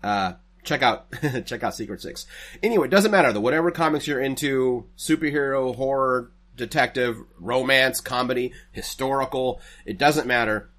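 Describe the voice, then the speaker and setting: A man of ordinary pitch hosts a podcast from his home setup. He reads sponsor spots casually, correcting himself and wandering off into geeky trivia. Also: normal speed, a bit bright. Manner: rambling, self-correcting, nerdy asides. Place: home setup, recording remotely.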